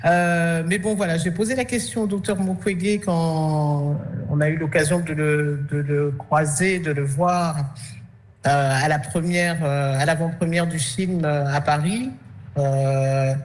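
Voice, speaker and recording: A woman, an artist and actress, answering interview questions hesitantly, with many fillers and restarts and soft laughs between thoughts. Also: low voice, steady tone, measured pace.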